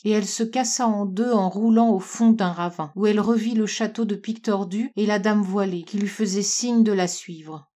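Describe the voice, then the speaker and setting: A woman narrating a storybook in a calm, measured reading. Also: medium pitch.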